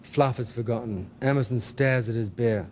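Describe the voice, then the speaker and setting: A man's voice: mid-range voice, normal speed, darkish tone, slight background noise. A man reading aloud from his own memoir in a wry, dry manner. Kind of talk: memoir narration.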